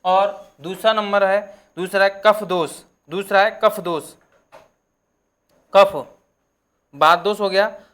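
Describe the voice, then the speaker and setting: Man slowly dictating a lesson. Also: high voice, fairly even intonation, a bit bright. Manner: repetitive, dictating terms slowly for notes. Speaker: teacher. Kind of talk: exam-prep lesson.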